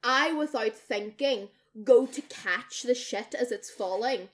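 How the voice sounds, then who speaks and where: Young woman, slightly higher voice, casual and lively podcast storyteller with plenty of swearing. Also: slow. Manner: lively, swears freely, acts out quoted people. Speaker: podcast co-host.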